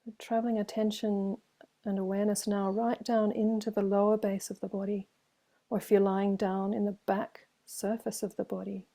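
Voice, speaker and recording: Leading a guided meditation, this woman teacher speaks slowly, gently, and soothingly, with long silences between short phrases. Her voice is dark, relaxed, and mid-range, rising and falling very little.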